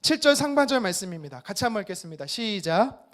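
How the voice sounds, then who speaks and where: A man's voice: high voice, big pitch swings, fast talker. A male pastor preaching a sermon at a church service, emphatic and often putting questions to the congregation.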